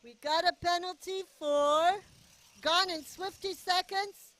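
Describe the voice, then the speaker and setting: High-pitched, unhurried woman commentator. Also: steady tone, a bit bright. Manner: chatty, cheers drivers on. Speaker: race commentator. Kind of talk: casual play-by-play commentary. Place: outdoor go-kart race track.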